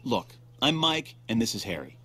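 A man voicing an exasperated, ordinary bar patron with a husky voice in an animated comedy. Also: medium pitch, normal speed, full character voice. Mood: conciliatory.

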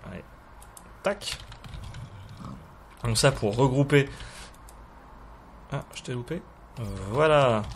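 A YouTuber presents a game mod in casual, hesitant commentary, speaking slowly with long pauses over slight background noise. His mid-range voice is full of fillers and restarts, and he chuckles at himself self-mockingly.

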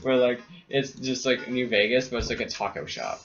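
A man's voice: mid-range voice, expressive, normal speed, music in the background. A man joking around and commentating while a friend plays a video game. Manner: jokey, slips into silly voices. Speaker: friend commentating a let's play. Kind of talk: casual joking chat over gameplay. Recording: muffled lo-fi recording.

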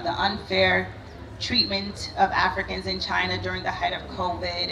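An organization CEO, a woman from Sudan, stands at the podium on an outdoor event stage giving an earnest, measured prepared speech for a ceremony, picked up by podium microphones. Her voice is on the low side with vocal fry, over a noisy background.

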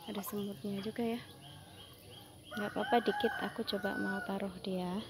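A woman's voice: medium pitch, fairly even intonation, moderate pace, very noisy. A woman vlogging outdoors with her pet squirrels, coaxing them in a giggly, sing-song voice and calling their names over and over. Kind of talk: casual vlog, coaxing pets. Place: outdoors by a tree in the morning.

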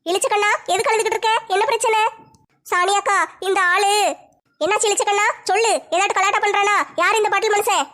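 A woman's voice: very high voice, steady tone, quick pace, fairly bright tone. Woman playing a brash, teasing tough woman. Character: bold, tough older sister-figure woman. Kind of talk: comedy skit acting.

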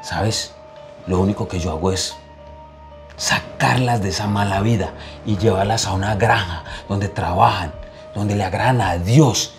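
A deep-voiced man performs a scripted drama scene. He keeps insisting and pleading, and faint music plays underneath. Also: a little slow. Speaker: actor in a short drama. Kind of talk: scripted short drama acting.

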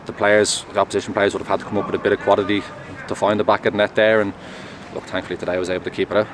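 Fast-talking goalkeeper, noisy outdoors. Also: male voice, on the low side. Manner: measured, earnest, steady. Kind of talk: post-match interview. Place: outdoors at a stadium, in front of a sponsor board at night. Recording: outdoor traffic noise.

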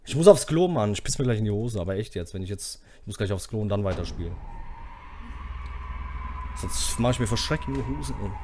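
A man giving live commentary on a horror game, swearing, ranting and yelling at the game. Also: on the low side, expressive, a little fast, long pauses, a little hiss or hum. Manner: swears, rants and yells at the game. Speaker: streamer.

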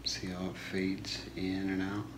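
A man in his thirties doing an ASMR role-play as a shopping channel host, soft-spoken, with a slow, deliberate product pitch in a small room. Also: monotone. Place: small home room, indoors. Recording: echoey room with clear background noise.

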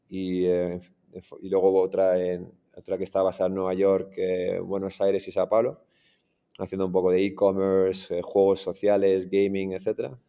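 On a video call in front of an indoor green screen, a startup founder in his forties tells his story as an interview guest, relaxed and full of restarts and fillers. Born in Iran and raised in Madrid, he speaks with a Madrid Spanish accent, his voice sitting low.

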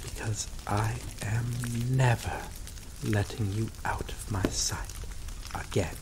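A guy voices a doomed, clingy yandere lover in an ASMR roleplay, his fairly low voice slow and soft. He sounds obsessive yet tender, dwelling on words and letting out dark chuckles, an ASMR roleplay voice actor playing a possessive, devoted man. Steady rain pours in the background throughout.

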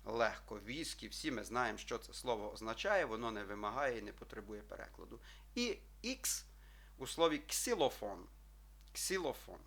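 A man teaching a video language lesson, calling his listeners friends, checking in with them often and drawing out his example words slowly. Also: lowish voice, very animated, bright, forceful tone. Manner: addresses listeners as friends, checks with frequent "так?"; slow, drawn-out model pronunciations.

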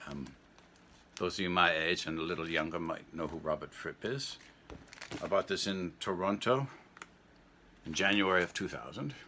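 An older man hosting a guitar vlog, talking in a casual, rambling, halting way, chuckling between thoughts. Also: deep voice, pushed and bright, a little hiss or hum. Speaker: guitar channel host.

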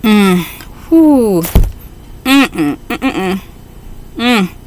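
A middle-aged woman talking casually on a home webcam in an excitable, chatty way, with frequent fillers. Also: medium pitch, very slow, a little hiss or hum. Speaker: beauty vlogger. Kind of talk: casual haul video. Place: bedroom at home, indoors. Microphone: webcam at desk.

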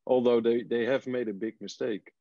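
A man speaks over a video call through earbuds. The sound is dull and lo-fi, and his voice is mellow. He hesitates and fills his pauses while he searches for words. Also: mid-range voice, fairly even intonation, dry recording. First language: Dutch. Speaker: film director.

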